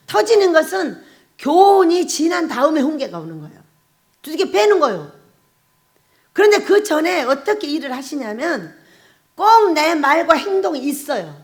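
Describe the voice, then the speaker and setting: High-voiced, animated woman preaching. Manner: chatty preaching with rhetorical questions to the congregation; often breaks into laughter. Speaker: pastor and prayer house director. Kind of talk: conversational sermon.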